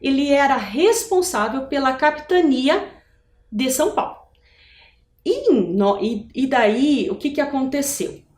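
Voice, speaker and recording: A woman's voice: sits high, lively intonation, a little slow, a little mellow. A Brazilian woman from Curitiba teaching a video lesson to schoolchildren, explaining step by step and asking rhetorical questions. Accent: Brazilian Portuguese, Curitiba. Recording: echoey room.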